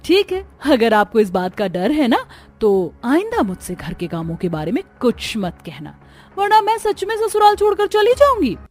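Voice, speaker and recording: A woman voicing a lazy, defiant young bride in a cartoon story, haughty and quick to threaten. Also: medium pitch, sing-song, darkish tone, breathy edge. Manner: haughty, threatening, raising her voice. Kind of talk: animated storybook dubbing.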